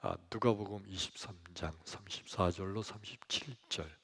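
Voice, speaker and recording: A male pastor preaching a sermon in a church, dramatic, moving from hushed whispers to loud exclamations. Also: deep voice, normal speed, breathy edge. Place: church sanctuary, streamed for online worship.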